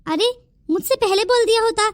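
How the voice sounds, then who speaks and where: A woman voicing the family of a cartoon story in quick, bickering domestic chatter. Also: very high voice, slight background noise. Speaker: narrator voicing all family roles. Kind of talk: cartoon voice acting.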